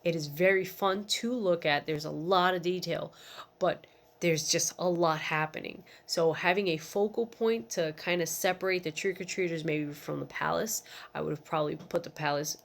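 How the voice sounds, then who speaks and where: A woman speaking as a contest judge, giving casual, encouraging critique with gentle suggestions mixed into the praise. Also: lowish voice, normal speed, vocal fry. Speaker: judge giving feedback on Lego builds.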